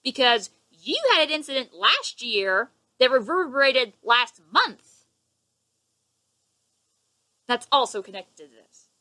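A young woman vlogger rants at a close-range webcam in her living room, indignant and sarcastic, gesturing a lot with her hands. Her slightly high, expressive voice is slow with long pauses, bright and forceful, in a rough recording.

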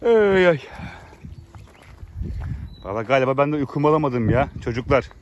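A man's voice: medium pitch, expressive, moderate pace, slight background noise. A man talking outdoors to his farm animals, coaxing and scolding them fondly. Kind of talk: affectionate teasing talk to animals, vlog.

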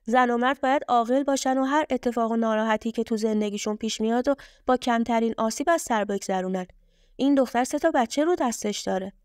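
A woman's voice: on the high side, a little mellow, no room sound, studio quality, natural voice. Woman reading as a stern, preachy old uncle. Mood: scolding. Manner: scolding, preachy. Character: stern older male uncle, reproachful.

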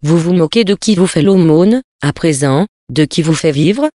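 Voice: mid-range voice, expressive, moderate pace, close to an everyday voice. A stern, scolding stingy lady, as a reader puts her on. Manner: sharp, scolding. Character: stern, stingy stout city lady, easily indignant. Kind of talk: storybook reading.

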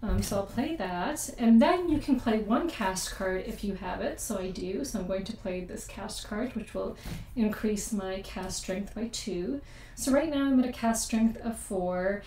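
A young woman hosting a board game channel plays through a card game casually at her table at home, chatty and explanatory at an ordinary pitch, measured pace and darkish tone, often second-guessing and stopping to check rules. Her desk USB mic sits far off in an echoey room, giving roomy, distant sound with a faint hum.

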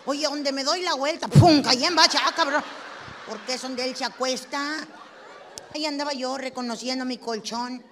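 A performer in a stand-up comedy act, playing a brash, foul-mouthed Mexican woman with a Mexican Spanish accent who is loud and sassy, swears a lot and keeps asking the audience questions. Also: sits high. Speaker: stand-up comic. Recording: live hall reverb with faint noise.

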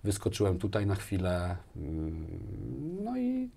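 In a small furnished studio room with bookshelves, a business executive in his forties, wearing a lapel mic, talks casually as an interview guest and keeps repeating phrases as he thinks aloud. His low voice is gravelly and mellow, swooping wildly in pitch at a measured pace.

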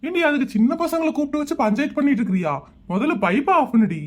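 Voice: high-pitched, big pitch swings, fast. A performer voicing an easygoing father in a cartoon family comedy who grumbles and brushes off the fuss. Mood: grumbling. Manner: grumbling, dismissive.

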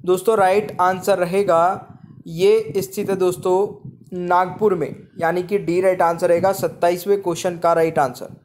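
In a flat, somewhat dark, high voice at a moderate pace, a man voices a general-knowledge quiz over on-screen slides, reading every question twice and then the answer while addressing viewers as friends. There's a little hiss or hum.

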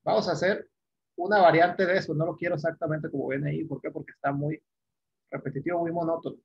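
A male teacher with a gravelly, fairly high voice explains the exercise patiently. He often repeats himself and adds quick tag questions. The recording is dull and lo-fi. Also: steady tone. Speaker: English teacher.

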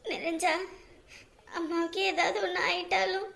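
A woman playing a tender, very high-voiced mother. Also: little pitch movement, moderate pace, vocal fry, a crowd in the background, exaggerated voice. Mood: tender worried. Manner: tender, anxious, consoling. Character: loving, worried mother talking to her son. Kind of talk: family drama acting.

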